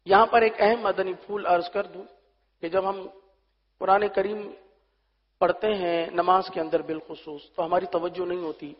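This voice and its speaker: Male Quran reading teacher, high voice, patient drilling and chanted verses; dull recording with long reverb. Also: steady tone. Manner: drills letters slowly, chants verses, then explains quickly. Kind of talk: Quran recitation lesson.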